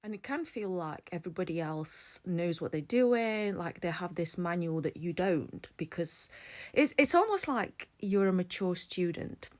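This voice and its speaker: A woman's voice: lowish voice, lively intonation, a little slow, a little mellow. A woman, giving an earnest, reflective personal explainer to camera as a vlogger. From Latvia. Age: 40s. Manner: earnest and reflective, thinking aloud. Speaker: vlogger and psychology student.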